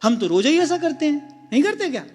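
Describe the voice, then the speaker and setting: High-voiced man giving a devotional talk. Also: sing-song, brisk. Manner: gentle, repetitive, asks listeners questions. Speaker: spiritual discourse speaker. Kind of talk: devotional discourse. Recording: long hall reverb with faint music.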